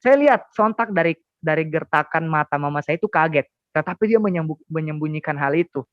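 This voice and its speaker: A man's voice: on the high side, expressive, no room sound. Man telling his testimony, dull sound. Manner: halting, repeats and restarts words. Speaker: guest sharing a conversion testimony. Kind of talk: emotional personal testimony.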